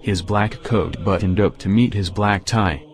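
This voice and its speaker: A man reading a history text aloud as a narrator, measured and dramatic. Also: lowish voice.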